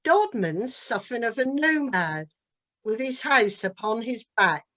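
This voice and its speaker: Slow, lilting Norfolk woman reciting verse. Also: fairly high pitch, expressive, fairly bright tone. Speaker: dialect poet. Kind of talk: poetry recitation.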